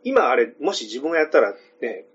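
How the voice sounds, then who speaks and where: A man's voice: mid-range voice, sing-song, a little fast, a little hiss or hum. A man chatting casually about a film as a podcast guest, jokey and talkative. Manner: chatty, jokey, drops into impressions. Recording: dull lo-fi audio.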